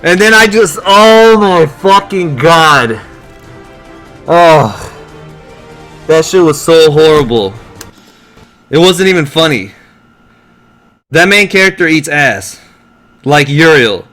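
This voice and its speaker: A man's voice: a little high, animated, unhurried, long pauses, fairly bright tone, soft background music. A man ranting in casual, profane, exasperated talk to his live-stream viewers, telling a story with lots of animation.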